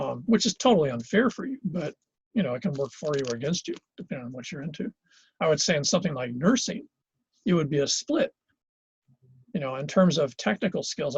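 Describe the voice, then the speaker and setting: His voice is a little high and slightly rough as he teaches college geography in Hawaii, lecturing conversationally and thinking out loud with frequent fillers and restarts. There's no room sound and the audio is dull.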